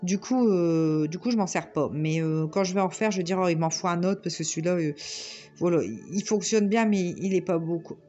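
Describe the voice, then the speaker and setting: A woman from northern France speaks with a Ch'ti accent, chatting casually to her viewers as a crafting vlogger in a hesitant, rambling way packed with fillers. Her voice is lowish, fairly quick and warm, but a head cold and sore throat leave it stuffy, nasal and slightly hollow. The recording is muffled, with faint music in the background.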